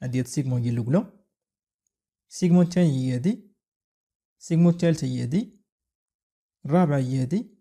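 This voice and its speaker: A man's voice: medium pitch, racing, pauses often, dark tone. A man with a Moroccan Arabic accent, explaining a networking exercise step by step in a tutorial, mixing in French and English technical terms. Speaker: networking instructor. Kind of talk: screen-recorded tutorial walkthrough.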